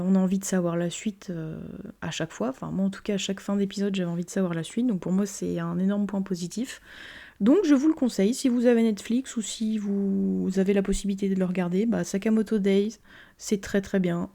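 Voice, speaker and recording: Rambling young woman, mellow voice. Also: mid-range voice, creaky. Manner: rambling, repeats "très, très" often, many fillers. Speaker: vlogger reviewing anime. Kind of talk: casual spoken review.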